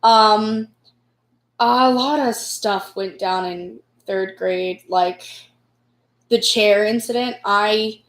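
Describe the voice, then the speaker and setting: A woman's voice: medium pitch, extremely slow, a bit bright. A young adult woman with an American accent telling personal stories casually, in a rambling, self-deprecating, giggly way. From United States. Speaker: vlogger. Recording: echoey room.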